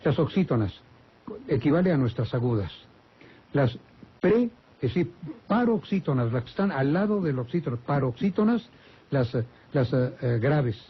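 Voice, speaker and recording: An older man with a Mexican Spanish accent, a language expert answering listener questions on a radio call-in show, speaking slowly with many hesitations and self-corrections. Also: mid-range voice, big pitch swings, husky. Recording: dull lo-fi radio broadcast.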